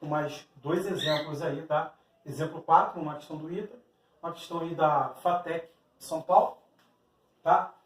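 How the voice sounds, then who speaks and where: Talking straight to the student at a moderate pace, a fairly high-voiced man with a Brazilian Portuguese accent explains exam-prep math step by step and acts out the questions a student might ask. He's recorded in an echoey room, far from the mic.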